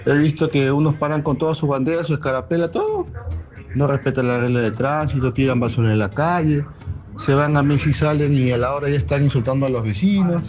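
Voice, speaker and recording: A man's voice: medium pitch, quick pace, a little mellow. A man leaving a critical, matter-of-fact voice message. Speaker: caller. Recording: dull lo-fi voice note.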